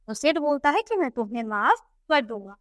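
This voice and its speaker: A woman teacher, reading a story aloud slowly and explaining it to children. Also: sits high, very animated, fairly bright tone, dry recording. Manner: reads English text very slowly, then explains in quick Hindi.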